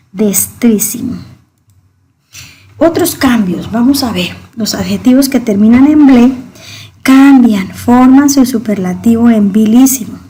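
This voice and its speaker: Female teacher, slightly high, mellow voice, slow deliberate delivery, repeats key words for students. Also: husky. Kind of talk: grammar lesson explanation.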